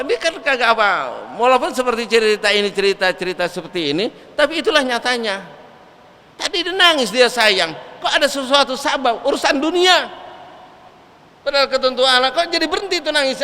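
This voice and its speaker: A male preacher giving a lively, colloquial sermon in a mosque. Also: extremely high pitch, a little fast. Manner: lively storytelling, colloquial asides. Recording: echoey mosque hall.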